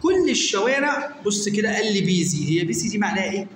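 A man's voice: high voice, very animated, fast. A young man with an Egyptian Arabic accent, teaching an English revision lesson. He quizzes students by name and often answers his own questions. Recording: echoey room with long reverb, faint noise.

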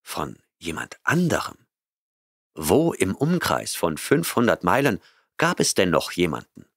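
A man narrating a science-fiction audiobook in a measured, even storytelling manner on a close studio mic. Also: low-pitched, creaky, no echo. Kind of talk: scripted narration.

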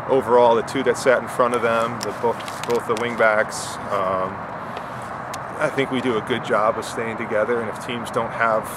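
A man's voice: mid-range voice, fairly even intonation, moderate pace. A man in his thirties, a head coach giving a candid post-game interview outdoors on a soccer field at night, talking plainly with fillers and restarts. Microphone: handheld interview mic, close framing. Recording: outdoor night, loud traffic noise.

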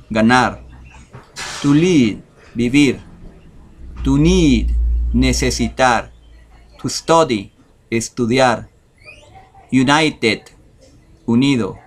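A man with a medium-pitched voice goes through English vocabulary on a screen share. He speaks slowly and hesitantly, leaning on lots of fillers.

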